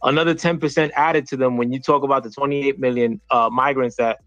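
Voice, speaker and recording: A man from the United States making a point on a political call-in panel, halting and restarting with lots of fillers. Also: mid-range voice, fairly even intonation, fairly bright tone, no echo, highs cut off. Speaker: panel caller. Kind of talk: heated political debate.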